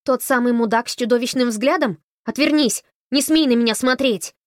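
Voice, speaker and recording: A woman voicing a rude, shocked teenage girl who snaps and shouts defiantly. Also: a little high, moderate pace, dry recording, clean studio sound, pitched above the performer's own voice, lightly acted. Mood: furious. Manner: shouting, snapping, indignant.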